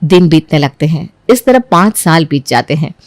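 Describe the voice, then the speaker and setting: A woman narrates a cartoon family story in a plain, scripted storybook style, her pitch moving freely across each sentence. The recording is dry and close, with no echo. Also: lively intonation, normal speed.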